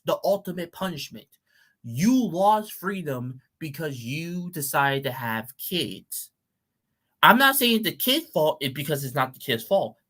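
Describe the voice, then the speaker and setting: A man's voice: fairly high pitch, pushed and bright. A man on a live-stream panel, ranting in a blunt, crude and scolding way, with mocking asides.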